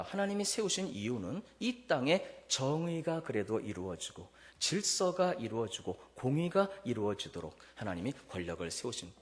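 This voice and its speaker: A male pastor preaching a Sunday sermon, questioning the congregation and acting out family quarrels. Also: big-room sound. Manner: mimics quarrelsome family voices in high shrill bursts. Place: church sanctuary.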